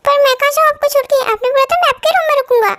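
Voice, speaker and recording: A high voice doing a whiny, clingy young man. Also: racing, fairly bright tone. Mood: pleading. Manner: pleading, whiny. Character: clingy childlike young man, easily scared. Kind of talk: fan dub drama acting.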